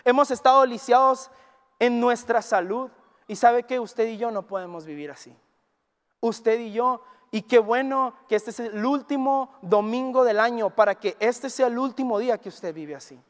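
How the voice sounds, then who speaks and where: Man, Mexican Spanish accent, preacher, high-pitched, animated storytelling, reverberant hall. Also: moderate pace. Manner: animated storyteller, acts out quoted dialogue. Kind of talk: sermon with storytelling. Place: church hall.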